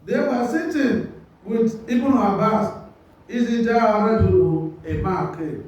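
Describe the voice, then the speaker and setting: Male teacher, fairly high voice, explains line by line, quizzes the room with "what?", heard from a distance. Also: measured pace, a little mellow. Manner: reads a passage, then explains it line by line; quizzes listeners with rhetorical "what?" questions. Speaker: Quran commentary teacher. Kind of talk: religious lesson. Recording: very echoey hall, mic far off.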